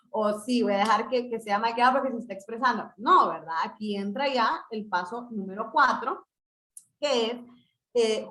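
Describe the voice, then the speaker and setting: A woman's voice: on the high side, roomy sound. A woman giving an informal talk to parents, full of fillers and repeated words. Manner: conversational, many fillers and repeated words, acts out parent-child dialogue. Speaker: school parenting workshop speaker.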